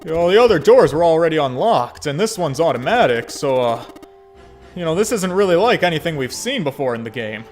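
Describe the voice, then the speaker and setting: A man reading a visual novel aloud, with expressive casual commentary and frequent swearing. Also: on the high side, a little fast, faint music behind. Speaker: game streamer.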